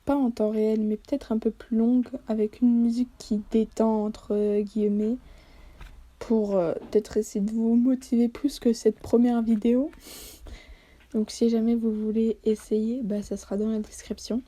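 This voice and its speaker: A woman's voice: a little high, level tone, moderate pace, warm tone. A woman vlogger talking casually over a study-with-me video, self-deprecating and hesitant, with many fillers.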